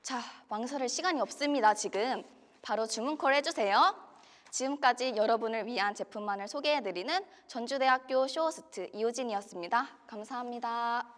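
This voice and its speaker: A young woman in her twenties acting as a student show host, giving an upbeat, persuasive home-shopping sales pitch. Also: brisk, a bit bright, long reverb tail. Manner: upbeat, persuasive selling patter.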